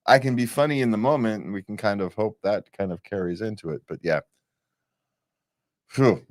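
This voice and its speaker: A very deep-voiced man hosts a relationship podcast in loose, rambling talk. He pokes fun at himself and chuckles between points. His voice is close and dry, with no room sound. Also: normal speed, dry recording. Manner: rambling, self-deprecating, chuckling. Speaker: podcast host.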